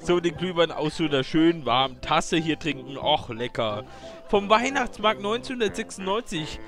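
A man hosting a casual, excited gaming chat over voice chat. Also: fairly high pitch, moderate pace. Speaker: host. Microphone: voice chat over a game. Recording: music behind the voice.

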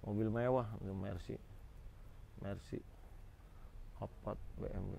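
A man's voice: on the low side, fairly even intonation, a little slow, vocal fry, mellow, highs cut off, slight background noise. A man gives informal, exclamatory walk-around commentary as a vlog host, addressing viewers directly. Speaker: host of a used car auction vlog. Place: outdoors in a car lot.

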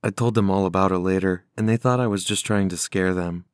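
A low-voiced man reads a scripted horror story in a measured, serious manner. His voice is smooth and clean, recorded close and dry with no room sound. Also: steady tone, dry recording.

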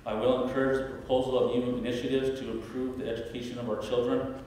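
A man answering questions as a school board candidate at a podium, halting with fillers and restarts. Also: mid-range voice, little pitch movement, a little mellow, slight background noise. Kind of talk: candidate forum answers, unscripted. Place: large auditorium stage at a podium. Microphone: podium mic from a far camera. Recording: echoey hall heard from far off.

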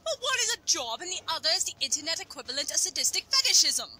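A woman voicing a sarcastic female online reviewer character who lectures with quick wit. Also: very high voice, sing-song, pushed and bright, a little hiss or hum, exaggerated voice.

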